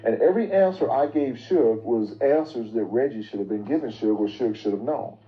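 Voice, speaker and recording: A man's voice: mid-range voice, brisk, dull audio. A man, an interview guest, telling a personal story in casual storytelling style, vividly narrating and acting out what others said. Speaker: interview guest recounting events.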